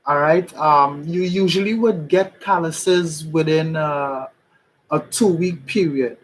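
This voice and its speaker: A man's voice: a little high, slight background noise, rough recording. A Trinidadian man from Trinidad and Tobago, a musician explaining things in a rambling casual livestream, often checking in with listeners.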